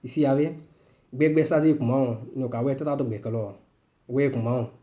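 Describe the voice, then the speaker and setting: A man's voice: medium pitch, fairly quick, warm tone, natural voice. A man doing a grumbling roadside market woman. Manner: muttering complaints under her breath. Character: grumbling female roadside banana seller.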